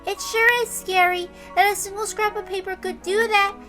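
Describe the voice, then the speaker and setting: In a dramatic reading of a visual novel, a very high-voiced, serene little girl speaks with fairly even intonation over soft background music. She plays an earnest, unshakably optimistic nine-year-old who reasons in a measured way, gently lecturing with a serene, preachy mood.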